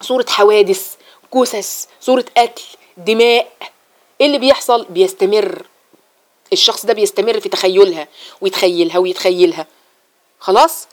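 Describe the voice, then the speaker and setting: A middle-aged woman with an Egyptian accent giving a religious lesson to women, lively and repeating her phrases as she acts out examples. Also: medium pitch, a little fast, pauses often. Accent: Egyptian Arabic. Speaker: religious teacher.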